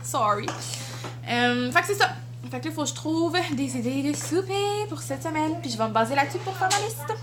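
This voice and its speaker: A young mother with a Quebec French accent talks casually to her viewers. Her voice sits high and swoops around a lot. She slips easily into a sing-song tone for her little one. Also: animated, normal speed. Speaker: vlogger and mother. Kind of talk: casual home vlog.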